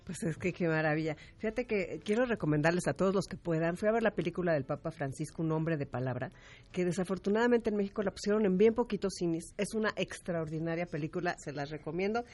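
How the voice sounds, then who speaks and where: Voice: medium pitch, fast, darkish tone. A show host interviewing a guest, often summing up the guest's points. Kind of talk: hosting an interview.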